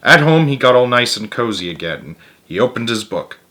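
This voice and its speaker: At a moderate pace, a mid-range male voice reads a story aloud with feeling. He punches up the characters' lines and interrupts himself with muttered asides.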